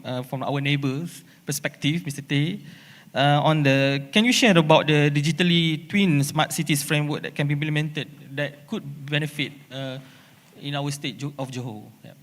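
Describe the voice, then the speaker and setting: Male moderator, mid-pitched, halting delivery, hall reverb. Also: fairly bright tone. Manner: halting, searching for words. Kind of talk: moderating a panel discussion. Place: conference hall. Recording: long reverb of a conference hall.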